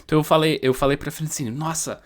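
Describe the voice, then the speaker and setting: A man whose first language is English, teaching English pronunciation in Portuguese in a casual video lesson, telling stories and repeating sounds slowly. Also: medium pitch, animated, a bit bright. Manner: storytelling, spells letters out and repeats sounds slowly.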